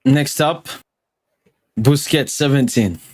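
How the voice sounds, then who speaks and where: A man's voice: mid-range voice, slow. A man in his early twenties reading out a football ranking, heated and swearing often in casual chat. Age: 20s. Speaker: podcast co-host reading the list.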